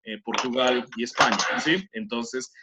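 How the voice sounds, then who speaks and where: A man's voice: mid-range voice, a little slow, heavy background noise. A man from Latin America teaching an English class, explaining grammar step by step and often checking with tag questions. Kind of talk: online class lecture.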